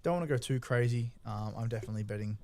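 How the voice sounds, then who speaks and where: A man's voice: mid-range voice, racing, darkish tone. A man giving informal, explanatory strategy analysis as a poker co-commentator, often checking that the listener follows.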